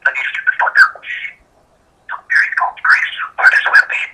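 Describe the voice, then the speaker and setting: A performer voicing a flustered woman caller on a call-in show, talking hushed and half-whispered with the phone held away from her mouth so she sounds faint and distant. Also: moderate pace. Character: anxious woman caller phoning a radio show. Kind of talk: comedic call-in bit.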